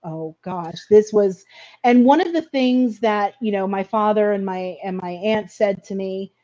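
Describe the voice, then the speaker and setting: A woman's voice: medium pitch, a little slow, warm tone, highs cut off. A middle-aged woman telling a personal story in an interview, earnest and hesitant, often repeating words as she goes.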